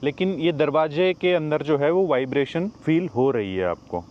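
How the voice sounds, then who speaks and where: Man, car review vlog, chatty, talks straight to viewers, fairly high voice, slightly dull audio with faint noise. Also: expressive, normal speed, darkish tone. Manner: chatty, addresses viewers directly as friends. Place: in and around a car, partly while driving.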